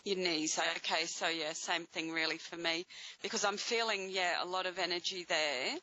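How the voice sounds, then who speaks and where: A woman with an Australian accent and a bright voice, hosting psychic readings and speaking in a reassuring, encouraging way. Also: lowish voice, moderate pace, dry recording, dull audio. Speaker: host giving live psychic readings to callers. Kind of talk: spiritual guidance talk to audience and caller.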